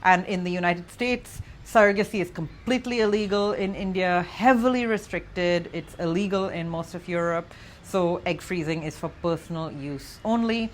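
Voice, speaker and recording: A woman's voice: fairly low pitch, moderate pace, slight background noise. A young adult woman matchmaker giving earnest, direct advice to the viewer in a vlog.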